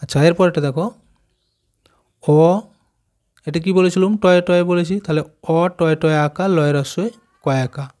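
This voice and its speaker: A man's voice: fairly high pitch, steady tone, a little mellow. Patient man teaching young children. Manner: slow, syllable-by-syllable explaining with frequent check questions. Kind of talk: explaining a children's reading lesson.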